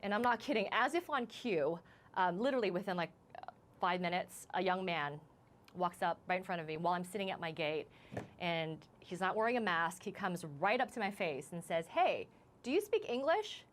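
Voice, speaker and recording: Shaken woman reporter, halting speech. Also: on the low side, fairly bright tone, slight background noise. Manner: shaken, halting, many restarts. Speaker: news reporter. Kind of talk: live news interview, recounting events.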